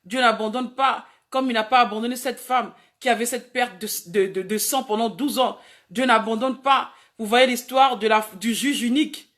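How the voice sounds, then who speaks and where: A woman's voice: fairly high pitch, fairly even intonation, moderate pace, a bit bright. A woman evangelist preaching a sermon, emphatic, repeating key phrases again and again.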